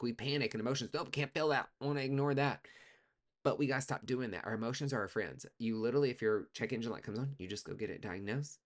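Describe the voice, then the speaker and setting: Sassy, profane man reading tarot. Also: medium pitch. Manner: profane, emphatic, sassy and coaching; swings between loud bursts and quiet asides. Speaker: tarot reader.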